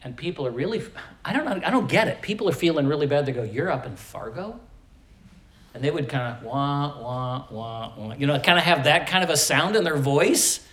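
A man's voice: a little high, lively intonation, fairly quick, fairly bright tone. An older man preaching a sermon, telling stories earnestly and building to fervent emphasis.

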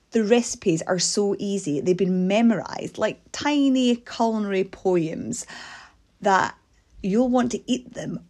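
A woman's voice: on the low side, darkish tone. A woman hosting a podcast, reading her introduction while recording in an attic. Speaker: podcast host. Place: attic, indoors.

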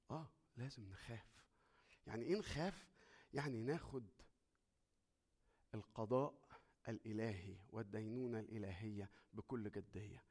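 A man with an Egyptian Arabic accent preaching a sermon. He swings between hushed, intimate talk and loud, fervent preaching, and asks and answers his own questions. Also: mid-range voice.

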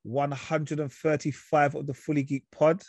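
A man's voice: fairly high pitch, little pitch movement, normal speed. A man with an urban London roadman accent, hosting a podcast in casual, slangy chat. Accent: London, urban street. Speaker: podcast host.

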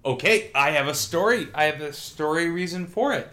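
Man, podcast co-host, animated, casual film review chat. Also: fairly high pitch, normal speed. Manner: animated, swears, acts out quotes.

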